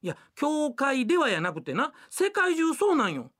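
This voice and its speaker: A woman's voice: high voice, sing-song, moderate pace, a bit bright. A woman doing a nagging Kansai housewife. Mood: scolding. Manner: scolding, nagging. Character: bossy, devout Osaka housewife. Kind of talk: rakugo storytelling.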